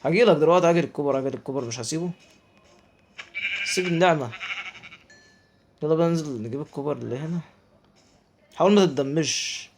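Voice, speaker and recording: A man's voice: fairly high pitch, quick pace, long pauses, a little hiss or hum. A man with an Egyptian Arabic accent giving chatty let's play commentary, talking to himself and his viewers as he plays. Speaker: gaming YouTuber.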